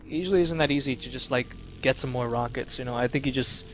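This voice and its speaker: A man casually chatting while playing a video game, relaxed, with lots of fillers and swearing. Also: mid-range voice, quick pace, soft background music. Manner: laid-back, swears a lot, many fillers. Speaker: let's play commentator. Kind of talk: casual gaming chat.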